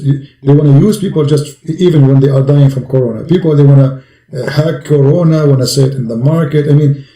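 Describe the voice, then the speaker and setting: A man's voice: mid-range voice, warm tone, echoey room, poor audio. A man preaching to a caller with great passion. He fires off repeated rhetorical questions and speaks English with non-native grammar.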